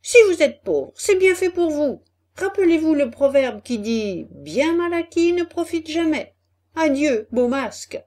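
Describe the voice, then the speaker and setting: A woman voicing a cheeky, excitable puppet boy in a storybook reading, with a high, loud, exclamatory delivery. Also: a little slow. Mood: scornful.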